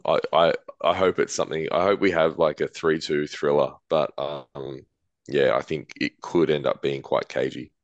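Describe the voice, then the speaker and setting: A man with a very deep voice chatting casually on a sports podcast. He talks in a loose, relaxed way, full of fillers. The sound is dry and close. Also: normal speed, dry recording, dull audio. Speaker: podcast co-host. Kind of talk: casual chat.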